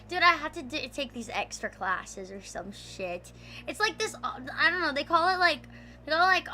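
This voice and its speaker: A woman's voice: high voice, bright, forceful tone, a little hiss or hum. A young adult woman streamer in a rambling, profane casual rant, full of "like". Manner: profane, rambling, heavy use of "like". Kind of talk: casual ranting chat.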